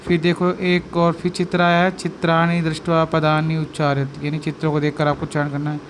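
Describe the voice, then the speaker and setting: Man, children's language teacher, slow repeated words, screen-recorded voice-over, faint background noise. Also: a little high, completely flat delivery. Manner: repeats each word slowly with call-and-response questions. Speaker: Sanskrit teacher. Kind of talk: teaching lesson to children over picture slides.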